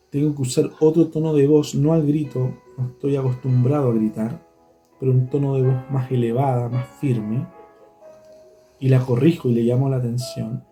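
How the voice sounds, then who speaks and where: A man's voice: medium pitch, warm tone. A man preaching a sermon as pastor. He speaks earnestly and keeps turning back to address the congregation directly.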